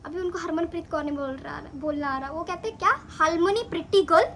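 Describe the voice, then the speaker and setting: A woman's voice: high voice, fast, heavy background noise. A young woman in clinical training, chatting animatedly as she retells her own experiences in a casual vlog.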